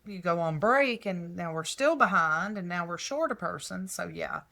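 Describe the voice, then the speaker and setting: An older woman's lowish voice comes across as expressive, creaky, pushed, and bright. She co-hosts a casual podcast from a hotel room, spinning slow, rambling stories full of restarts.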